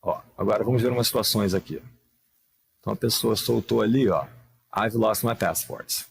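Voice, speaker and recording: On the low side and gravelly and husky, a man's voice carries a live online English grammar lesson. He patiently explains with many rhetorical questions and reads the English examples slowly and carefully.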